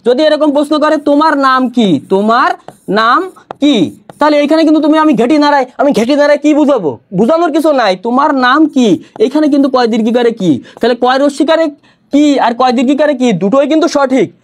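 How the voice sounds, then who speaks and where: A man in his thirties, a Bangla teacher, giving a promotional talk to students in a lively, jokey way and acting out his examples. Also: very high voice, quick pace.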